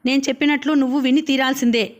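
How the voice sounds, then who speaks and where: A stern young woman lays down the rules in a firm, insistent voice. Her tone is high and clear, read out by a woman narrating an audiobook. It is a storybook reading. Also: fairly even intonation, very fast, lightly acted. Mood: scolding. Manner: scolding, insistent. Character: stern strict young woman, eldest sister.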